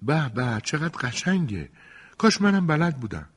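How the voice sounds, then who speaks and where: A man putting on a playful, curious schoolgirl in a storybook, raised high above a deep husky voice. She whispers eagerly and pleads, with a long echo trailing behind. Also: big pitch swings. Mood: eager, pleading.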